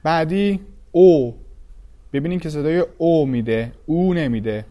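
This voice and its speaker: Man teaching a language lesson, slightly higher voice, slow and clear sounding-out of each vowel. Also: mellow.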